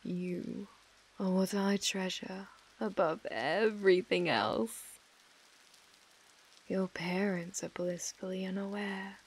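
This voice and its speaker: A woman's voice: mid-range voice, steady tone, takes it slowly, husky, poor audio. A British woman playing an obsessive mafia heiress who speaks with controlling, condescending affection in an ASMR role-play. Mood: possessive, then controlling, tender. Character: possessive, obsessive female mafia heiress, menacingly tender captor.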